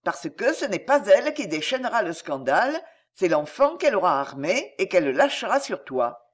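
A woman's voice: sing-song, normal speed. Woman playing a jealous, menacing noblewoman. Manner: intense, low and cold, menacing. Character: fiercely jealous, passionate scheming noblewoman.

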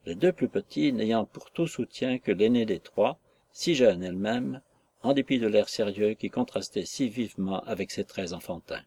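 A male audiobook narrator who reads in a measured, literary way. His voice is low and somewhat breathy, and it stays steady through long descriptive passages.

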